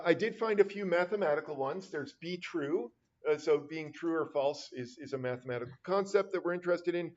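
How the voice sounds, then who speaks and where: A man's voice: a little high, a little mellow. A middle-aged man teaching a math class, chatting casually with wry, rambling asides. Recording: dull lo-fi classroom recording.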